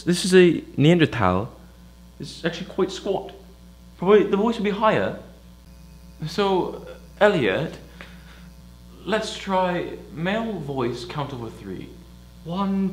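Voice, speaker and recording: A man plays a voice coach in a mock documentary and explains each step earnestly. He talks slowly, and his pitch rises and falls a lot. The recording sounds roomy, with a faint hum underneath. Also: sing-song.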